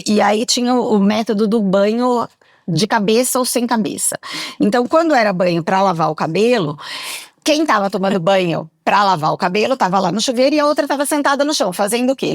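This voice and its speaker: Middle aged woman talkin real loud on a podcast mic, telling stories, pretty dry sound. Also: mid-range voice, no echo. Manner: talks very loudly; lively anecdotal telling. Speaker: guest, public prosecutor. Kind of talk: podcast interview storytelling. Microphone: studio mic.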